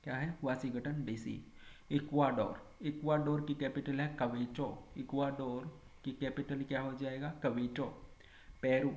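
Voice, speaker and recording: A man's voice: medium pitch, flat delivery, measured pace, darkish tone, dull audio. A man teaching a lesson, drilling each item by asking it as a question and answering it himself. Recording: echoey room.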